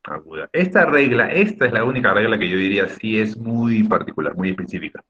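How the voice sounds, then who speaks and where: Low-voiced teacher on a lively video-call lesson. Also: male voice, brisk, highs cut off. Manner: explains patiently, repeats key points, checks with students. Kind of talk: online class lecture.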